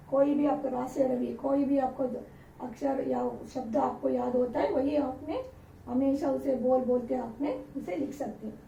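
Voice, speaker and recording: A woman's voice: sits high, gravelly, darkish tone, muffled recording, a little hiss or hum. Patient woman teacher, distant roomy sound. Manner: patient, repeats each letter with example words. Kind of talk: dictation-style Hindi alphabet lesson.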